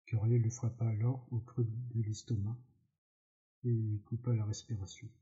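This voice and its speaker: A man reading a novel aloud, slowly, with slips and self-corrections, in a dull lo-fi recording. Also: lowish voice, little pitch movement, warm tone. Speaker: audiobook narrator.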